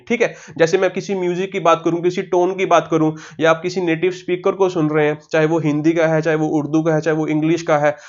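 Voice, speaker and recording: A man with an Indian accent teaches vocabulary for exam prep. His voice sits high, and he keeps asking himself questions and then answering them. The recording sounds dull and lo-fi. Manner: spells words slowly letter by letter. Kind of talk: online exam-prep lesson.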